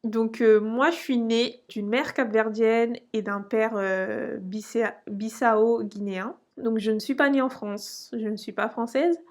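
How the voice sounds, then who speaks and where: A woman's voice: on the high side, steady tone, unhurried, hardly any pauses. A young woman from Portugal telling her personal story to camera, hesitant and full of fillers and restarts. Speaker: finance vlogger.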